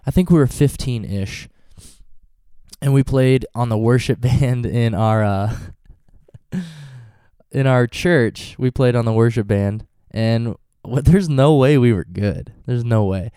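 A man's voice: medium pitch, slow pace, warm tone, clear, resonant tone, dry recording, studio quality. A man in his twenties with a stuffy cold, chatting casually in a vlog and wandering off into goofy tangents. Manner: rambling, goofy tangents and jokes. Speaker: vlogger and touring band musician.

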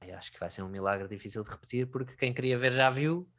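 A man speaks European at a rapid clip. His pitch sits in the middle, and his talk is colloquial and slangy, with casual swearing, like a conversation between mates. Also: a bit bright. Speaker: stand-up comedian. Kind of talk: casual chat.

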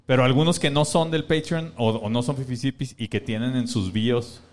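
A man's voice: mid-range voice, darkish tone. A man with a Mexican accent co-hosting a casual podcast, thanking fans and reading out a long list of names. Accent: Mexican Spanish. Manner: reads fan names in a drawn-out list. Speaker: podcast co-host.

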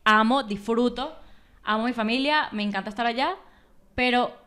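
Give me an expressive Venezuelan woman with a Venezuelan accent and a slightly high voice, chatting casually. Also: normal speed, clear, resonant tone. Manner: expressive, acts out quotes, lively. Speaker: podcast guest. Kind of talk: casual chat.

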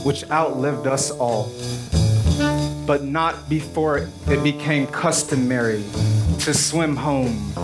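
A man recites a poem in a solemn, measured way. He speaks slowly, letting each line settle. Loud plucked guitar plays behind his voice throughout. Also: medium pitch. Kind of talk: poetry reading over music. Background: guitar music.

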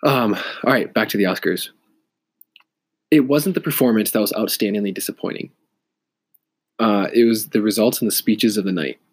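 A man's voice: lowish voice, normal speed, long pauses, slightly rough. A man with a stuffy nose from a cold, talking in a rambling, hesitant casual monologue full of fillers and self-corrections. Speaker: vlogger.

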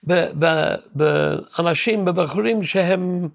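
Man, gravelly, dry close sound, halting casual storytelling, frequent restarts. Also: a little high, dry recording. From Williamsburg, New York. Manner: halting, searching for words, many restarts. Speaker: guest composer.

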